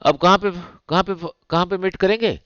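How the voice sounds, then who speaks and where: A male physics teacher, lecturing slowly and repeating himself, often asking "right?" to check understanding. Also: sits high, fairly bright tone, clear, resonant tone, no echo, highs cut off. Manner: slow, repetitive, checks understanding with rhetorical "nahin?". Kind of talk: classroom lecture at a board.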